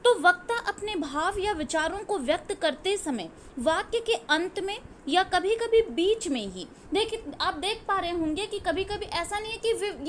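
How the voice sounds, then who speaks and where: A woman's voice: very high voice, a little hiss or hum. A woman teaching a grammar lesson to exam students, explaining step by step and often checking in with "okay". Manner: explanatory, repeats "ठीक है" often.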